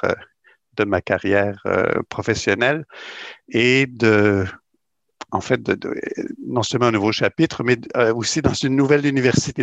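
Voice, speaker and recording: A middle-aged man from Quebec, speaking in a low, gravelly voice, calmly explains his work, hesitating often with many "euh" fillers and repeated words. He sounds like a university administrator in a radio interview. The recording is close and dry, with no room sound and the highs cut off.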